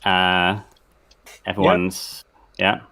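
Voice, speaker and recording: A man who will narrate an online table read, chatting in a relaxed, easygoing way with hesitant fillers. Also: low voice, drawn-out words. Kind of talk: casual video-call chat.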